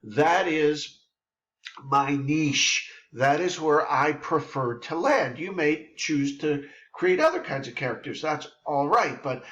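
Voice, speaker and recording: A man's voice: on the high side, lively intonation, slow pace, a bit bright. Expansive man hosting, dull lo-fi sound. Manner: expansive, piles up verbs. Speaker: host. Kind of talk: reflective monologue.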